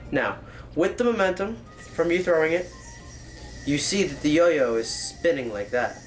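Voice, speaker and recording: A man's voice: fairly high pitch, expressive, moderate pace, soft background music, low-quality recording. A man hosting a casual, joking tutorial, explaining like a rambling professor who drifts into tangents and corrects himself. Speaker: tutorial host.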